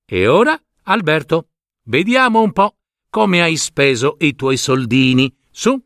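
A man's voice: a little high, big pitch swings, unhurried, a bit bright, no echo, heavily acted. A doting noble mother speaks sweetly and coaxingly, her voice raised and lilting. A man puts her on while reading a storybook. The sound is dry and close.

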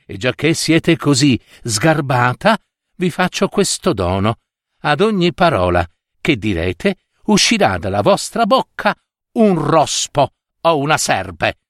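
A man as a gentle, calm fairy. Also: a little high, slow pace, dry recording, studio quality, exaggerated voice. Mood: calm stern. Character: gentle, calm fairy disguised as an old woman.

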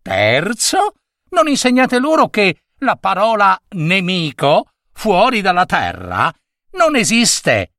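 A bossy little cosmic chick from outer space lectures the humans in a high, bright, jumpy voice, as a man puts it on. It speaks slowly and sharply, full of its own importance. The voice is close and dry. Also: huge pitch swings, no echo, full character voice. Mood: lecturing.

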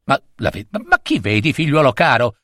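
A man voicing a bewildered old king and queen in a fairy tale, speaking low and stammering. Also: huge pitch swings, normal speed, sharp tone, dry recording, studio quality, exaggerated voice.

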